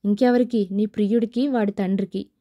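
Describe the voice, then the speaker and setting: A woman's voice: mid-range voice, steady tone, fairly quick, dark tone, muffled recording, natural voice. A woman voicing a spurned young man who talks in a pleading, sarcastic way. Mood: bitter.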